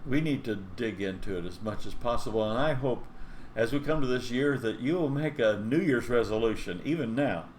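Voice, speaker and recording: Male pastor, deeper voice, earnest Bible teacher, measured delivery with some hesitations. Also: slight background noise, rough recording.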